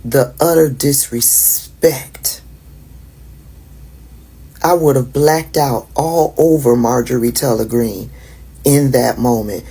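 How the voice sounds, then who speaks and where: A woman's voice: a bass voice, mellow, slightly rough. A woman in a casual reaction video, blunt and indignant. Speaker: video commentator.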